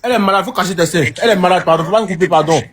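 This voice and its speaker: Crowd noise surrounds this young Ivorian caller, who speaks in a high-pitched, rapid-fire voice with an Ivorian French accent. Emotional and moved, he pleads, repeating himself and tripping over words.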